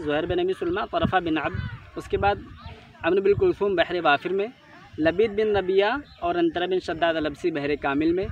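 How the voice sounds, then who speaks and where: A man's voice: fairly high pitch, recorded from a distance, a little hiss or hum. Man teaching, a little off-mic. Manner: explains step by step, repeats names to drill them. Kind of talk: exam-prep lecture.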